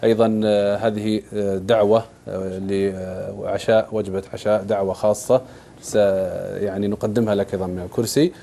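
A man's voice: on the low side, steady tone, a little fast, mellow, a little hiss or hum. A man hosting a religious TV program, formal and courteous as he thanks the guests and closes the episode. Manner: formal and courteous, gives thanks and closing greetings. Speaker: TV program host.

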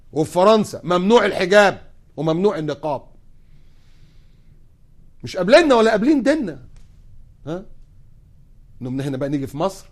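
Fast, lively Egyptian preacher man. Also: fairly high pitch. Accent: Egyptian Arabic. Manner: sarcastic rhetorical questions, mocking. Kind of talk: sermon.

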